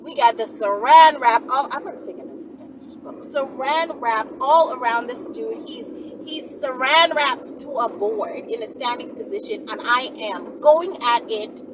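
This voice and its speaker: A woman with a high voice, speaking at normal speed, answers viewer questions on her channel. She talks to them casually in an emphatic, sassy, animated monologue, often checking in as she goes. The mic sounds noisy and distant.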